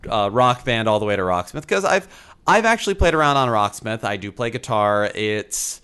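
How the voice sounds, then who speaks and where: A man in his thirties co-hosting a podcast in casual chat, animated and quick to slip into playful voices. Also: medium pitch, smooth. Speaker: podcast co-host.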